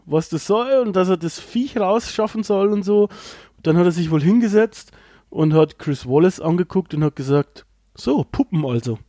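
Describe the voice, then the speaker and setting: A man's voice: high-pitched, a little mellow, no room sound, studio quality. A man co-hosting a casual film podcast, talking in a rambling way with many fillers and restarts. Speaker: podcast co-host.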